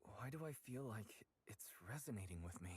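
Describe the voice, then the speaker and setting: A woman's voice: extremely low pitch, animated, fairly quick, a little mellow. A woman voicing an earnest, shaken young former student in a dramatic video game, hesitant and intense. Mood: bewildered.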